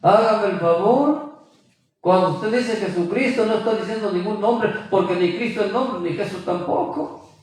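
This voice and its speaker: A man's voice: high voice, moderate pace, darkish tone, distant mic. A man preaching a sermon with emphasis, quizzing his listeners with rhetorical questions. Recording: very echoey room, voice from afar.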